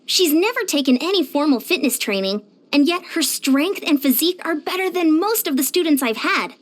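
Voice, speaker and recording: This animated game voice belongs to a short, spirited young female fitness coach: very high, bouncy, with a widely moving pitch. Talking a little fast, she sounds chatty, self-assured, sincere and direct, full of warm admiration.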